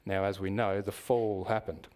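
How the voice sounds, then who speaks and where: Aussie guy giving a sermon at church, slow and explaining, asks the room questions, lowish voice. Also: little pitch movement, darkish tone. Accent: Australian. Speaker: preacher.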